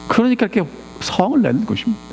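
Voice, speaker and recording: Racing through his sermon in a high, creaky voice, the pastor keeps firing rhetorical questions at the congregation with animation. The sanctuary gives a long church reverb, and there's slight background noise.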